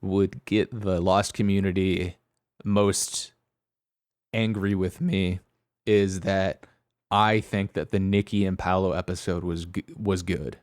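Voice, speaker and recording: A man co-hosting a podcast in casual chat, relaxed and laughing often. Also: sits low, slow, smooth, dry recording, clean studio sound. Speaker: podcast co-host.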